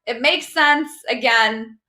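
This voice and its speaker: A woman's voice: a little high, slow pace, bright, forceful tone, roomy sound. A woman co-hosting a casual sports talk show, upbeat as she leads into segments. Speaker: co-host.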